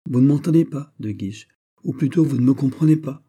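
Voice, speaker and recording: A man voicing an earnest young French nobleman with a soft, harmonious voice, lecturing his friend insistently. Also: medium pitch, a little fast, slightly rough, pitched above the performer's own voice, natural voice.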